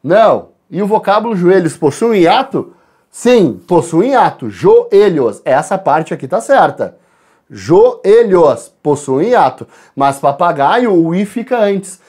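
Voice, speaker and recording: In a recorded class, a lively Brazilian Portuguese teacher corrects an exam, speaking in a husky, medium-pitched voice with a Brazilian Portuguese accent. Addressing the class, she spells out letters and counts sounds aloud, moving between quick asides and slow, stressed words.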